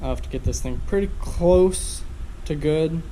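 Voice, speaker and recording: A man's voice: on the high side, measured pace, slight background noise, rough recording. A man with a stuffed-up nose, talking casually and rambling through his work in a home garage workshop. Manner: relaxed, rambling, thinks aloud with fillers. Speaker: car restoration vlogger.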